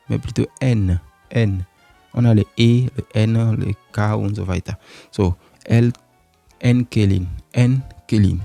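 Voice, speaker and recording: Male language teacher, low mellow voice, unhurried, repetitive, faint music under a dry recording. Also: creaky, no room sound. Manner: slow, repetitive, with many fillers. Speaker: German teacher. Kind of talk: online German lesson explained in French.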